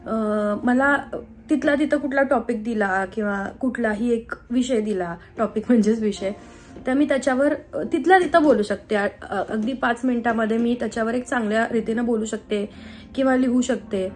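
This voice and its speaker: A woman in her thirties, a homemaker vlogging casually at home, chatty with frequent pauses and fillers. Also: fairly high pitch, darkish tone. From Maharashtra, India. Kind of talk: casual vlog chat and voice-over.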